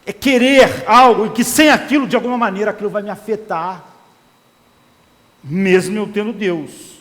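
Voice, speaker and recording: A man preaching with a very high voice, his words ringing out with a long reverb. He delivers an impassioned sermon and acts out the inner voices of desire. Every phrase trails off into the echo of a large hall. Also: moderate pace, a bit bright.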